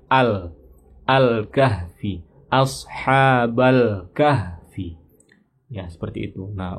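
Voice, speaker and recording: A man's voice: mid-range voice, a little mellow, slightly rough. A man with an Indonesian accent teaching Quran recitation rules, patiently repeating syllables and chanting verses. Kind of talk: slow tajwid lesson with chanted recitation.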